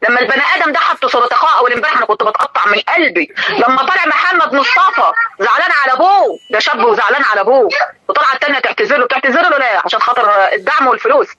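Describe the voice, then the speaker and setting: Fast, indignant older Egyptian woman. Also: on the high side, expressive, pushed and bright, dry recording, highs cut off. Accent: Egyptian Arabic. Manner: indignant, scolding, rapid-fire. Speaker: live stream host. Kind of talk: heated live-stream talk to viewers and a caller.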